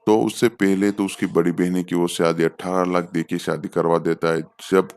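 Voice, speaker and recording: A man's voice: sits low, level tone, normal speed, darkish tone. A man casually recapping a film's plot as a reviewer, talking off the cuff with hesitant fillers and self-corrections. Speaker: film reviewer.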